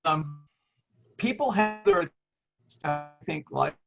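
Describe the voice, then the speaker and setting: A man with a fairly high, gravelly voice comes through a video call whose audio keeps breaking up and dropping out. His phrases arrive in fragments, muffled by dull, lo-fi sound. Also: animated, takes it slowly, over music. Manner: speaks in broken, fragmented phrases. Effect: choppy, cutting-out internet call audio. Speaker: speaker on an online forum video call. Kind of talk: casual discussion on a video call. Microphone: computer mic on a video call.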